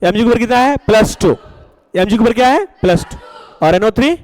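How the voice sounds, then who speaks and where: A man's voice: sits high, expressive, a little fast, a little mellow, rough recording. A man teaching a chemistry class, coaxing students with questions and repeating their answers. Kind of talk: classroom lecture.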